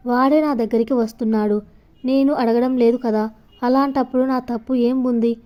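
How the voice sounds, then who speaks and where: Woman voicing a young woman in love, questioning, affectionate, soft warm tone, higher pitch. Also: steady tone, normal speed, close to an everyday voice. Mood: troubled. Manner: searching, questioning herself.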